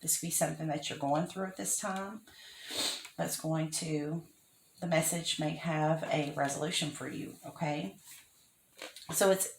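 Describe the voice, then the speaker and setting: A woman's voice: low voice, steady tone, a little slow, gravelly, pauses often, slight background noise. A woman giving a casual tarot reading, chatty and often checking in with the listener. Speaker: tarot reader. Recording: echoey room.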